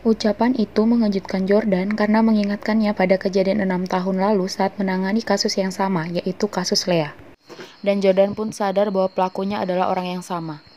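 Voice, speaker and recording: Casual female film-recap narrator, mellow and chatty, faint background noise. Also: medium pitch, flat delivery, fairly quick. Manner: chatty, slangy, joking asides.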